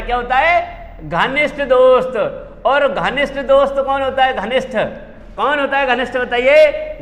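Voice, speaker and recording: A man teaches a classroom lesson on Hindi spelling, drilling each word and quizzing his class with repeated questions. His very high-pitched voice is a bit bright, with long hall reverb.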